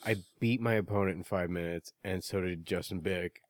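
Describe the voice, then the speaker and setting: Lowish voiced dude joking around on a podcast, cusses a bunch, dry mic. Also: male voice, steady tone, moderate pace, no echo. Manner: joking, teasing, swears casually. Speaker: podcast co-host. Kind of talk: casual chat.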